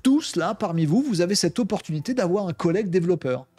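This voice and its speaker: A native French-speaking man with a fairly high, expressive, mellow voice talks fast through a casual screen-share tech tutorial. He's enthusiastic and slangy, full of fillers, and acts out little imagined dialogues. The recording is dry.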